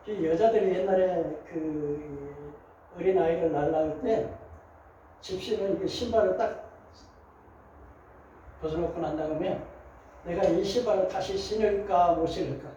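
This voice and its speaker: A man's voice: sits high, moderate pace, pauses often, highs cut off, a little hiss or hum. Older man preaching in an echoey church. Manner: animated preaching with acted quotes, shifting loud and soft. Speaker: pastor. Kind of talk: sermon. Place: large church sanctuary. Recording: roomy echo, voice from far off.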